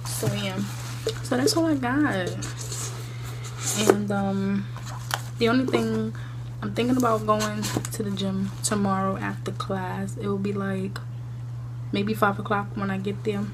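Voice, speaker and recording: A woman's voice: mid-range voice, steady tone, a little slow, long pauses. Chatty young woman on a humming webcam. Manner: chatty, rambling, self-mocking. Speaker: vlogger. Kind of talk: casual haul video. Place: small bedroom indoors. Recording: noisy home webcam audio with hum.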